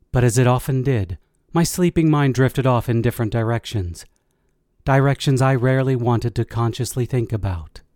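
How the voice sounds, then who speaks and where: A man reading a first-person audiobook in a measured, steady way. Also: medium pitch, dry recording, studio quality. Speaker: audiobook narrator.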